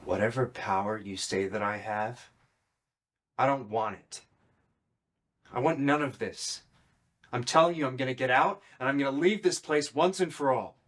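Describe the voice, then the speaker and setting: An actor playing a young man who insists he will escape his town, speaking low and intense in a low-budget series scene. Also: moderate pace, pauses often, fairly bright tone, lightly acted. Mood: determined.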